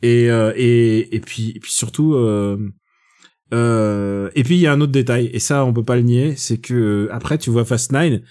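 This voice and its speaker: A man's voice: mid-range voice, moderate pace. Chatty man reviewing films. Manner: opinionated, chatty, gently teasing. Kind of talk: casual film review chat.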